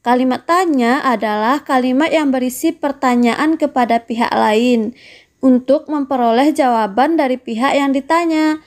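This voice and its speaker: A woman's voice: high voice, normal speed, a little mellow. A woman narrating a primary school lesson, talking to the pupils in a friendly way and putting questions to them. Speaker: teacher.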